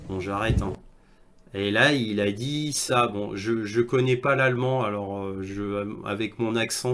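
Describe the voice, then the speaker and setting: A man commenting on video clips and reading articles aloud, with halting delivery and frequent hesitations. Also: medium pitch, a bit bright. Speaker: online news commentator.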